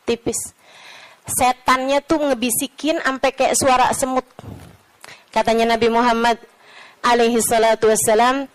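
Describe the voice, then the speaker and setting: Female preacher, high voice, gentle and clear, fervent at peaks, sermon delivery. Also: rough recording.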